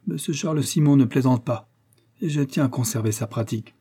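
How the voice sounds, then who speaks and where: A courteous bailiff stays cool and formal no matter what, as a man reading a storybook puts him on. His delivery is unruffled and polite. The voice is dark and a little husky. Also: medium pitch, fairly quick, voice pushed up.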